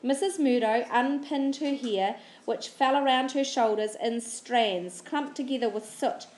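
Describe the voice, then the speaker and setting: Female audiobook reader, steady storybook delivery, somewhat high pitch. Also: a little slow, reverberant, a little hiss or hum. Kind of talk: storybook narration.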